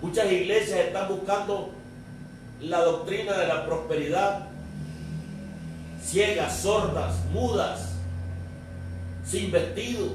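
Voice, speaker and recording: A man's voice: high voice, takes it slowly, long pauses, noisy background. A man preaching a sermon as pastor, driving his points home with repeated rhetorical questions to the congregation. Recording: echoey church room, distant mic.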